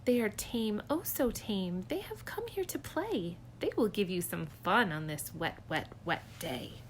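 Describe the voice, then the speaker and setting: A woman's voice: medium pitch, very animated, a little slow, slight background noise. A woman voicing a playful, showy cat in a tall hat, in a bouncy, reassuring sing-song, reading a storybook aloud. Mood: cheerful.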